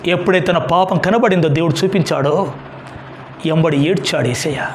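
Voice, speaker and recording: A man's voice: on the high side, normal speed, noisy background. A man pastor giving a sermon, preaching emphatically with rhetorical questions and repeated hallelujahs.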